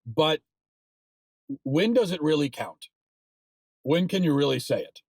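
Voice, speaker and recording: A man's voice: on the high side, animated, a little slow, a little mellow, breathy edge, dry recording. A man hosting a solo political commentary show, arguing his points and pressing into emphatic insistence. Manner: argumentative, rising to emphatic insistence; sports analogies.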